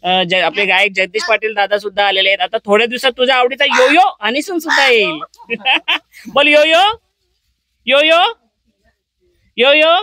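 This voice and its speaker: A man's voice: high voice, brisk, bright, forceful tone, no echo. A man hosting a casual vlog, chatting to his viewers and coaxing a crow to talk. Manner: chatty, speaks to viewers and to the bird in turn. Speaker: vlogger.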